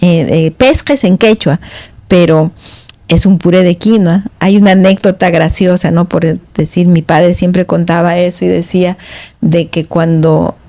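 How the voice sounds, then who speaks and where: A middle-aged woman, a podcast guest, telling stories in a halting, meandering way with many restarts. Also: lowish voice, steady tone, dark tone, no room sound. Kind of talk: casual storytelling in conversation. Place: podcast studio.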